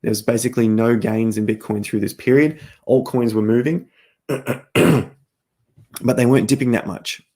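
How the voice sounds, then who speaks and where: A middle-aged man hosts a crypto trading livestream, walking through charts in a repetitive, emphatic way. His mellow, mid-range voice moves at a moderate pace, though he's losing his voice and keeps coughing.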